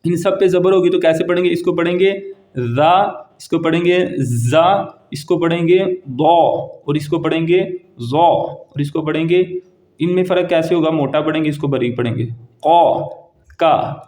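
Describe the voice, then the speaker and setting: Guy teaching letters, repeats each one slow three times, fairly high flat voice. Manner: quick plain explanations between recited letters. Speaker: Quran reading teacher. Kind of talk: letter-by-letter recitation lesson.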